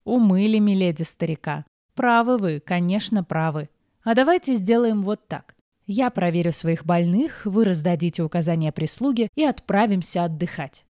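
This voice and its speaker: A woman's voice: on the low side, expressive, moderate pace, dark tone, no room sound, clean studio sound, natural voice. A woman reading the lines of a weary, grumbling elderly male court physician in an audiobook, with a teasing manner. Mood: wry.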